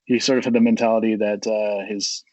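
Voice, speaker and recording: A man's voice: fairly low pitch, level tone, brisk, a little mellow, no echo, muffled recording. A young American man, a coffee company co-founder, talking as a guest in a friendly, rambling way with many fillers. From United States. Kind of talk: casual interview.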